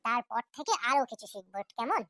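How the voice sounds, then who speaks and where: A woman's voice: fairly high pitch, very animated, quick pace, pushed and bright, no room sound. A woman voicing a patient female teacher in a cartoon lesson, explaining step by step and often checking that the class understands.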